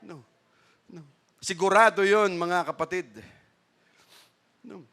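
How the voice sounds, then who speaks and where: A man's voice: sits high, steady tone, slow pace, pushed and bright, clean tone. A man preaching a sermon as pastor, peppering his talk with a questioning "no?" and chuckling asides. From Philippines. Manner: mixes asides and laughs, repeated "no?" tag.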